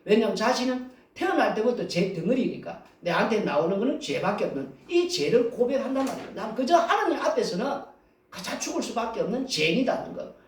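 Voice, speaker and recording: Male pastor, animated sermon delivery with rhetorical questions; roomy church recording from off the mic. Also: high-pitched, brisk, far from the mic. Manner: conversational preaching with rhetorical questions. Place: church sanctuary.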